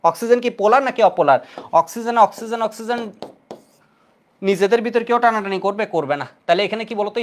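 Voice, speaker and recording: In an online chemistry class, a man with a high voice and a Bangladeshi Bengali accent teaches while quizzing students with repeated questions.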